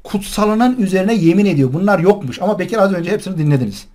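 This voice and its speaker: A man's voice: high voice, expressive, fast talker, darkish tone. A male online host mocking and scolding someone while commenting on a recording he plays. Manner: mocking, scornful and indignant.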